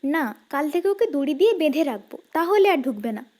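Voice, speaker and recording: Woman doing a stubborn young wife, pert, quick replies, high pitch, storybook. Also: sing-song, a little mellow.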